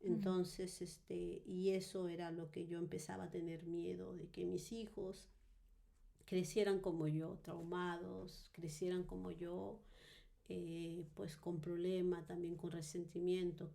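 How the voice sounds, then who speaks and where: A woman with a low, mellow voice and a gravelly edge tells her personal testimony in a podcast interview. She speaks earnestly and thoughtfully. She often hesitates with fillers and tag questions. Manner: earnest and reflective storytelling. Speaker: guest giving a testimony.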